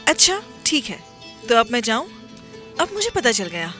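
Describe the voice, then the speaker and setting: A woman's voice: on the high side, sing-song, moderate pace, music in the background. A woman dubbing a film role, a proud young woman who speaks in a curt, dismissive, defiant way. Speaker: dub actress.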